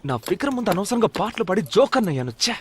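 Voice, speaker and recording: A man's voice: high-pitched, sing-song, slight background noise. An actor playing a cocky, chatty young man who bluffs and teases, in dubbed film dialogue. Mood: annoyed. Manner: teasing, drawn-out boastful delivery.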